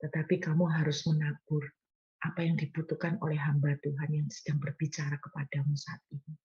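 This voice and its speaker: A woman's voice: low voice, completely flat delivery, a little fast, dark tone, husky, dull audio. A woman preacher quoting a scheming male prophet who asks for gifts. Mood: solemn.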